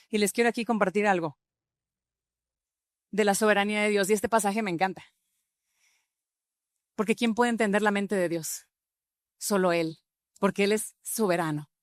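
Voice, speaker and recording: A woman preacher delivering a sermon, animated and acting out voices as she speaks. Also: medium pitch, a little slow, pauses often, no echo, studio quality. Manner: animated, acts out voices of God and sinners.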